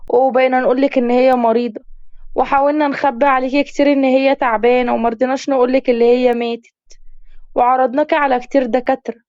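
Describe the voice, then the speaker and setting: A woman with an Egyptian accent voicing a calm, gentle father consoling his daughter in a spoken story. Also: high-pitched, dry recording, highs cut off, lightly acted. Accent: Egyptian Arabic.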